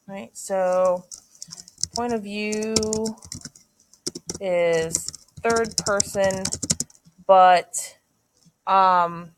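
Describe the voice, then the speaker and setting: A woman's voice: medium pitch, a bit bright, slight background noise. A woman teacher thinking aloud through a literary analysis lesson, casual, with many fillers and "right?" checks.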